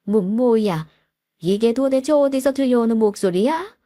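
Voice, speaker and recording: A woman's voice: on the high side, moderate pace, darkish tone, dry recording, studio quality, voice pushed up, natural voice. A woman voicing a blustering older father-in-law who stammers through indignant denials.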